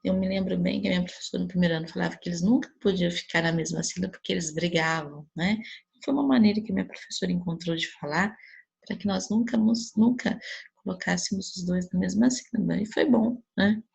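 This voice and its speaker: A woman's voice: fairly low pitch, quick pace, vocal fry, a little mellow, slightly rough, dull audio. A woman teacher with a Brazilian Portuguese accent, giving a patient recorded grammar review and often checking in with her students. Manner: patient explaining with frequent checks like "né?" and "tá?".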